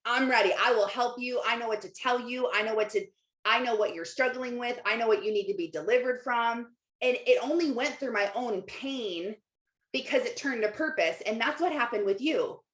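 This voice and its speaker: Her voice is on the high side, a bit bright, and at normal speed. In a roomy, echoey room, she coaches viewers casually on a motivational livestream, reading their comments and speaking informally with emphatic repetition and rhetorical questions.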